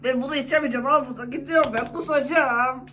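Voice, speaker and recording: A woman's voice: high-pitched, fairly even intonation, fast talker, sharp tone, slight background noise. A woman voicing a nosy, chatty neighbor woman who drops by uninvited, in a comedy sketch. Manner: gossipy, familiar chatter.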